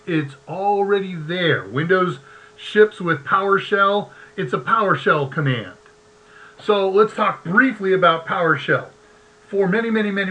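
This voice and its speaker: A man's voice: high-pitched, sharp tone, poor audio. A man hosting a live tech show, chatty and easygoing, who laughs often and reads short verses aloud. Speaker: host.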